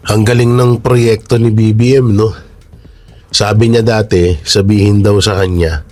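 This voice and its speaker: Talking to his followers about politics, this man sounds stuffy-nosed and congested, his voice on the low side. The commentary is casual and halting, punctuated by frequent rhetorical questions.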